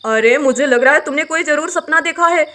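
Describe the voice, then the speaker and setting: A woman's voice: high-pitched, a little fast, sharp tone. A woman voicing a sleepy husband in a doll story, grumbling and dismissive, a little off-mic. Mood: drowsy. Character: drowsy husband woken at night, man.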